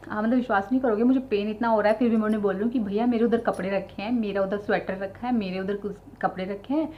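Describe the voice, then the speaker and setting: A young woman tells a personal story in a chatty, conversational way, speaking straight to her audience and pausing on fillers as she goes. Her voice sits at a moderate everyday pitch. The recording is a little muffled and lo-fi, with a faint hum of ambience behind her. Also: steady tone. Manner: chatty, addresses viewers directly, many fillers. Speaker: vlogger sharing her childbirth story. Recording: slightly dull lo-fi sound with faint ambience.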